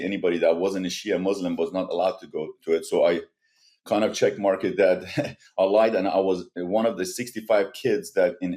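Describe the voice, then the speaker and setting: Low-voiced Iranian-born man telling his story. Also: a little mellow. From Iran. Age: 40s. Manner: earnest, halting, with frequent restarts. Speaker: guest. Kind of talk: personal story in a podcast interview.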